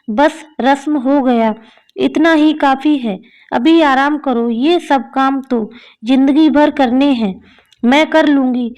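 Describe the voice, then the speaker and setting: A kindly older mother-in-law in a spoken storybook, doting and insistent, read by a woman. The voice sits high and moves along slowly, coaxing rather than commanding. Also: a little mellow. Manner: affectionate, coaxing.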